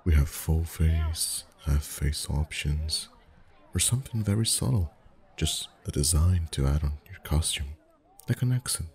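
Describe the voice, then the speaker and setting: An ASMR voice actor plays a friendly festival face painter, speaking softly and gently in an extremely low, mellow voice. He rambles in a chatty, lightly flirtatious way, a little slow, heavily acted and with lively intonation.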